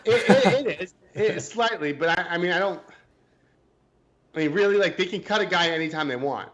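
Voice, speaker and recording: A man's voice: high-pitched, expressive, fairly quick, fairly bright tone. A man co-hosting a casual sports podcast, hesitant and joking, often restarting his sentences. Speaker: podcast co-host.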